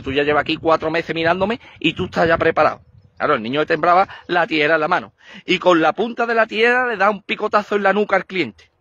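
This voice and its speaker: A man's voice: high voice, pushed and bright, lo-fi sound. A man telling jokes and acting out each character with a different voice. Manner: acts out characters with shifting voices. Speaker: joke teller.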